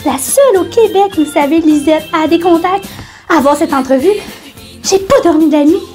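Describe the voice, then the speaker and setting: A woman with a Quebec French accent hosting a campy parody of a local TV show, bubbly, giggly and excitable. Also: very high-pitched, normal speed, soft background music. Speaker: TV host.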